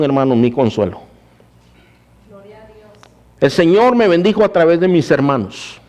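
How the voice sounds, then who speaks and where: Male pastor preaching, telling his own story to the church, goes loud then quiet. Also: high-pitched. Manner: personal testimony, addresses listeners as brothers; swings between raised preaching and hushed storytelling. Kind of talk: sermon.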